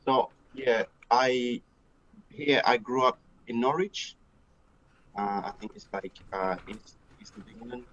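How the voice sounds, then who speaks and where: Interview guest: man from Zambia, unhurried and halting, mid-range voice. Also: medium pitch, fairly bright tone, lo-fi sound. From born in Congo, raised in Zambia. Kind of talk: casual interview answers.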